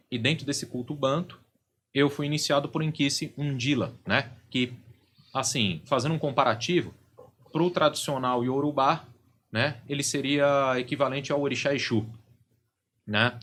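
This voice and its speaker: A man's voice: medium pitch, animated, normal speed, fairly bright tone, slightly rough. A middle-aged man, a podcast guest and religious leader, explaining at length in a casual studio chat and constantly checking in with "right?" and "you know?". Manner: explanatory, constantly tags phrases with "né?" and "entende?".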